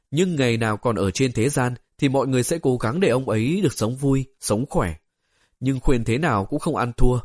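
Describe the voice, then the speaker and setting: A man narrating an audiobook story in a steady, even storytelling way. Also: mid-range voice, breathy edge, dry recording, clean studio sound.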